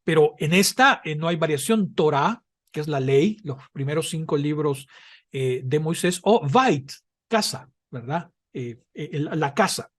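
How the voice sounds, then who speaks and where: A man's voice: on the high side, expressive. Patient male Hebrew teacher explaining step by step. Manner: patient, explanatory, often checks in with "¿verdad?" and fills pauses with "eh". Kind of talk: online class lecture.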